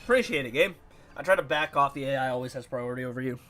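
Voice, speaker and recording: Racing through his words, a young YouTuber comments on his own gameplay in a mid-range voice that sounds blocked up and nasal. His chat is casual, lively, rambling and a bit confused, over a faint hiss or hum.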